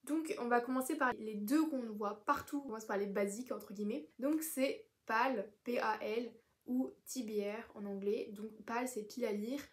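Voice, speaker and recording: A woman's voice: a little high, normal speed, few pauses. Chatty young woman book vlogger. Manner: chatty, self-deprecating, many fillers. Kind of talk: casual explainer vlog.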